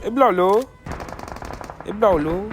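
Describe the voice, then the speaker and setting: A man's voice: animated, normal speed, background noise. A man putting on a Syrian Arabic accent as he plays a shooter game, raising his voice to demand gear and taunt enemies. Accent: put-on Syrian Arabic. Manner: raised pitch, demanding teammates and taunting enemies. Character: man faking a Syrian dialect mid-match, pushy and loud. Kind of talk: gaming commentary. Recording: game gunfire in background. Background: loud gunshots and clicks.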